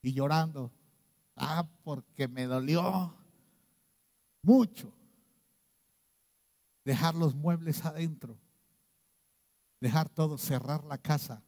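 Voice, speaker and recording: A middle-aged man with a Mexican accent preaching a sermon, swinging between loud outbursts and hushed low lines. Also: slow, pauses often. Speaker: pastor. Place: church. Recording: long reverb of a church hall.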